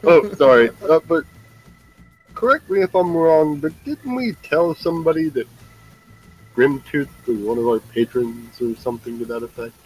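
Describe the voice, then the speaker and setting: A man playing a tabletop game, describing his character in a relaxed, chuckling way. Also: on the high side, normal speed, faint music behind, low-quality recording. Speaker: player.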